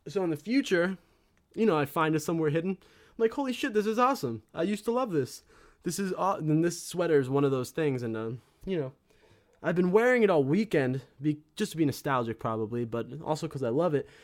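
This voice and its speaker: A man's voice: a little high, expressive, brisk, a little mellow. A young man hosting his own live music stream, chatting casually between songs in a rambling, profane, self-deprecating way. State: out of breath.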